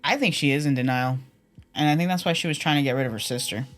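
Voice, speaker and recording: A man's voice: fairly high pitch, quick pace, faint music behind. A man giving casual game commentary as he reasons through a mystery. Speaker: player discussing a mystery game.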